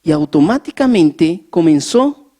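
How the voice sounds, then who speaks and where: A preacher giving a sermon in a church, animated, asking the congregation questions and building emphasis as they tell a story. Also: medium pitch, a little slow. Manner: acts out scenes with rising emphasis. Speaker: pastor.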